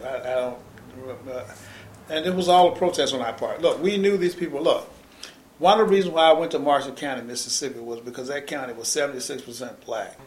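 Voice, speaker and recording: Fast-talking older man in a roomy space. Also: medium pitch, slight background noise. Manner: quick, emphatic storytelling with many restarts. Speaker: interviewee, former civil rights organizer. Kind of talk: oral history interview, reminiscing. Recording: roomy echo.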